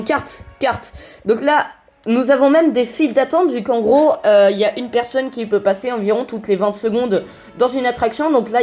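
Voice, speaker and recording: A woman's voice: on the high side, a little mellow. Chatty woman narrating her gameplay. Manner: chatty, hesitant, many fillers. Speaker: gameplay commentator. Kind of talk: casual gameplay commentary.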